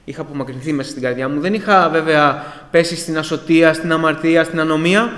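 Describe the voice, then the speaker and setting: A man's voice: on the high side, fairly even intonation, fairly bright tone. A man giving an earnest, emotional personal testimony to a church congregation and addressing them as brothers. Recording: echoey hall with long reverb.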